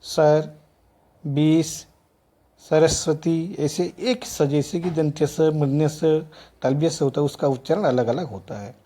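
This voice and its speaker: A man's voice: a little high, slow, warm tone. A middle-aged man lecturing teacher trainees, listing examples one word at a time with frequent restarts. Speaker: teacher educator. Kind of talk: classroom lecture.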